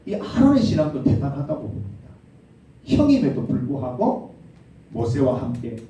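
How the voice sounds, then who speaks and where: A man's voice: medium pitch, warm tone. A man preaching a sermon as youth pastor, often putting questions to his listeners. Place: church sanctuary. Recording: very echoey hall, mic far off.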